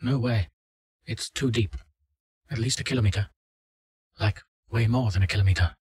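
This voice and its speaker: A man's voice: fairly low pitch, moderate pace, a little mellow, slightly rough, voice pushed up. A man voicing a terrified young woman test subject who pleads and panics. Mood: uneasy, scared.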